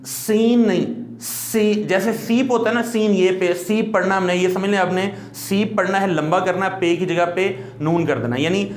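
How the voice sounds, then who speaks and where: A man with a high voice teaches a recitation class. He explains patiently and stretches letter sounds into long demonstrations. The room adds a clear echo. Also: hardly any pauses. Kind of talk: classroom lesson.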